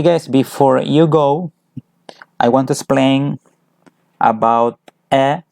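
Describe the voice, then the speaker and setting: Slow, gravelly teacher. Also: male voice, medium pitch, a little mellow, no room sound. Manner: switches between English and Spanish, explaining patiently. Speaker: English teacher. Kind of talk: bilingual grammar lesson.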